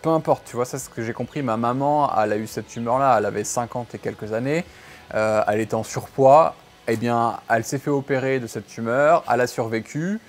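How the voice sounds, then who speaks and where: A man's voice: medium pitch, fairly quick, soft background music. A man in his thirties from France, an entrepreneur talking straight to the viewer at home in a casual motivational monologue with frequent fillers. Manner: direct, addresses viewer as "tu", many fillers. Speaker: entrepreneur sharing life lessons.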